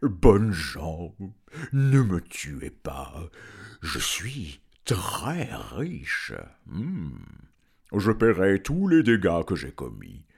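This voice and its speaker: A man's voice: low-pitched, wildly swooping pitch, extremely slow, vocal fry, darkish tone, breathy edge, exaggerated voice. A man voicing a cowardly old male dragon who pleads and haggles, drawing out his words, in a storybook reading. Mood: pleading. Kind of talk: audiobook reading.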